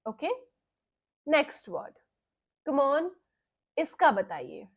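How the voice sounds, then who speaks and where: A young woman with an Indian accent teaching English vocabulary in a live online class for children, explaining slowly and patiently while she mixes Hindi and English. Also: sits high, huge pitch swings.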